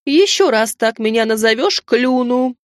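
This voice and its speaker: A woman's voice: a little high, animated, unhurried, no echo, clean studio sound. A woman voicing a pompous, condescending ancient male owl-like creature who runs a magic shop, in a storybook reading. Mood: haughty. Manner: haughty, condescending.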